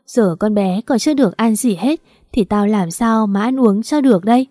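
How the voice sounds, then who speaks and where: Woman doing young mother, frantic, pleading, mellow dry voice, audiobook. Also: mid-range voice, normal speed, no room sound, close to an everyday voice. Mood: urgent. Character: anxious young single mother, frantic and tearful.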